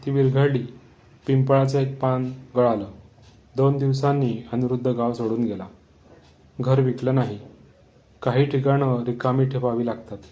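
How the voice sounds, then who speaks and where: A man narrating a horror story in a calm, measured storytelling manner. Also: medium pitch.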